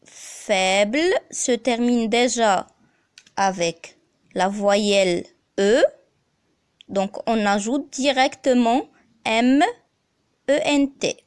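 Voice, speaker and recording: A woman's voice: on the high side, extremely slow, pauses often, smooth. A woman teaching a grammar lesson as a voice-over, spelling out letters and repeating each example.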